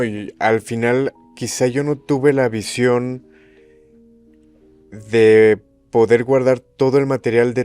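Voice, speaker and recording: A man, a former radio host, recounting eerie on-air calls in a measured storytelling way. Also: mid-range voice, a little mellow. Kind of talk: storytelling interview chat.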